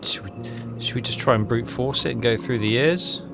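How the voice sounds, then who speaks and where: A let's player with a medium-pitched voice and moderate pace gives casual game commentary over game music. He reads text aloud, hesitating and repeating himself while he thinks out loud.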